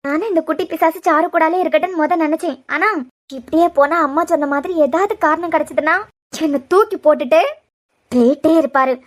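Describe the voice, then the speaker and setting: A woman's voice: sits high, a little fast, close to an everyday voice. A woman with a Kanyakumari Tamil accent voicing a cruel, scheming young bride-to-be in a cartoon serial, scolding and threatening a child.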